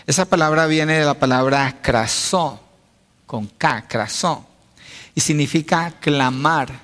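A man preaching a teaching sermon, asking rhetorical questions and answering them himself. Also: mid-range voice. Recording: long reverb of a large hall.

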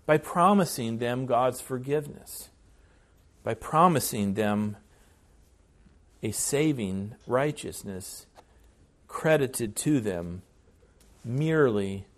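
A man preaching an expository sermon as pastor, earnest and emphatic, with repeated phrases and some fillers. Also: mid-range voice.

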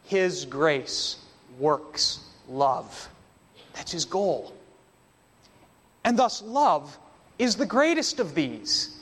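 Slow, emphatic high-voiced male preacher. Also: very animated, a bit bright, husky, in a large hall. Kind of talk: sermon.

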